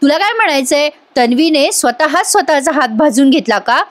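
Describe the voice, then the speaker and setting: A woman's voice: high voice, animated, normal speed. A woman voicing a stern middle-aged mother-in-law who speaks in a curt, scolding way.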